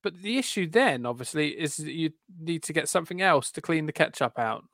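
A man's voice: on the high side, expressive, a little fast, fairly bright tone, no echo, studio quality. A man hosting a casual podcast, chatty and moving through listener questions. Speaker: podcast host. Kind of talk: casual chat.

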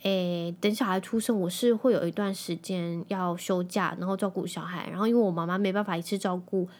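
A woman in her thirties with a Taiwanese Mandarin accent, hosting a podcast in a chatty, animated way and dropping in English phrases. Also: fairly low pitch, fairly quick. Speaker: podcast host. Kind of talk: casual chat.

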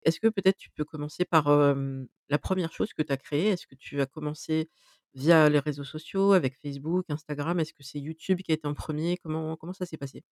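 A woman in her forties hosting a podcast interview recorded remotely, asking friendly, measured questions with frequent hesitations. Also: low voice, darkish tone, no room sound. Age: 40s. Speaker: podcast host. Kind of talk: conversational interview.

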